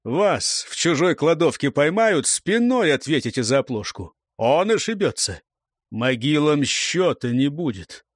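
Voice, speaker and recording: A man's voice: fairly high pitch, very animated, a little slow, dry recording, studio quality. A man voicing a stern old scolding warrior. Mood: bitter. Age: older. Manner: scolding, interrogating. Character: stern old male warrior, sharp-tongued. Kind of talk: audiobook character voice.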